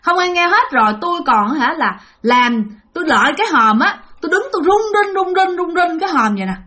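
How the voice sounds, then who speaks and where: A woman's voice: very high voice, animated, brisk, bright, forceful tone, voice pushed up, full character voice. A woman voicing the reproachful ghost of a young man, in an aggrieved, lamenting tone. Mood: indignant.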